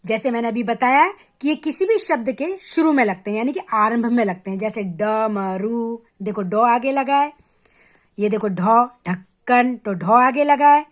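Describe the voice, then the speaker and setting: A woman teaching a grammar lesson to children, patient and step by step, addressing them directly and sounding out letters slowly to show how they are said. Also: on the high side. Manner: repeats sounds slowly and clearly to demonstrate.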